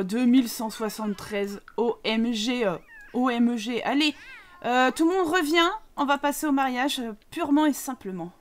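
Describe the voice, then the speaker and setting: High-voiced chatty woman gamer. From France. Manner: animated, chatty, exclaims at the screen. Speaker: gameplay commentator. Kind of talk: casual let's play commentary.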